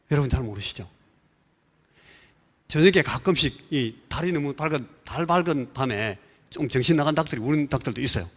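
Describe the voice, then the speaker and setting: A Korean man preaching as pastor, telling an animated story and mimicking rooster crows and voices. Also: a little high. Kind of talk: sermon. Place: church sanctuary. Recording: church hall reverb.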